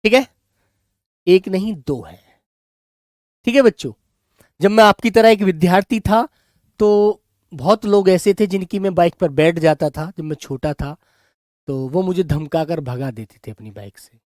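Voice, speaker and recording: A male teacher giving a grammar lesson to children, slowly dictating and repeating words so they can write them down, and speaking affectionately to his pupils. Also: high voice, darkish tone, dry recording, studio quality. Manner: affectionate, calls students "beta".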